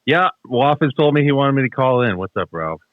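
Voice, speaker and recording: A man's voice: mid-range voice, expressive, a little fast, dry recording. Man calling in on a phone-like line. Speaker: caller. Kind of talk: casual chat. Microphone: call-in connection. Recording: tinny phone-like call line.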